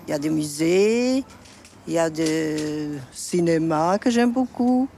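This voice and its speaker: An older woman of Portuguese origin with a gravelly voice gives her opinions openly and without fuss. She speaks plainly in a street interview, and faint noise sits beneath her words. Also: sits low, animated, takes it slowly, warm tone. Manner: frank, plain-spoken, opinionated.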